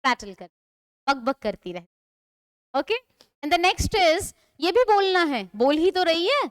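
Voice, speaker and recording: A woman's voice: very high-pitched, very animated, takes it slowly, dry recording, studio quality. A woman teaching English vocabulary in a classroom-style lesson, explaining patiently, repeating words and asking her students questions.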